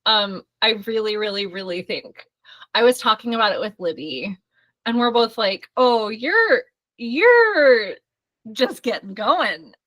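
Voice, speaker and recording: A woman's voice: fairly high pitch, big pitch swings, measured pace, a bit bright. A woman hosting a live online workshop, speaking effusively and reassuring her audience over a video call. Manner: effusive, affirming, talks straight to the audience. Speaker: workshop host and studio founder.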